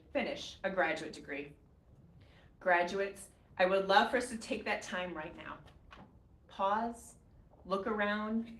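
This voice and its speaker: A middle-aged woman, a professor, hosting a graduation ceremony with a warm, measured formal welcome speech that names guests one by one. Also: mid-range voice. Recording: echoey hall, faint ambient noise.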